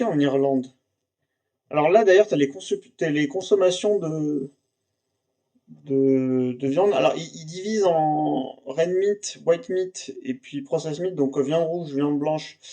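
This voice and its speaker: A man's voice: fairly high pitch, mellow. A young man chatting off the cuff about a science paper, rambling with many fillers and restarts and laughing easily. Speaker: YouTuber reviewing a science paper. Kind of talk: unscripted casual commentary.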